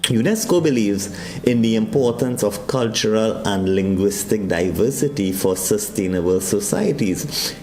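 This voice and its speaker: Delivering a devotional on a morning broadcast, a Trinidadian man preaches to listeners in a low, mellow voice that suddenly swoops high. The recording carries the echo of a reverberant room.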